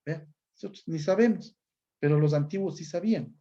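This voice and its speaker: A male teacher from Ecuador, speaking with an Ecuadorian accent in a fairly high but dark, mellow voice. He explains patiently and keeps checking in with his listeners. The recording is dull and muffled. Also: moderate pace. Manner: explanatory, often adds "¿no es cierto?". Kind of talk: recorded class lesson.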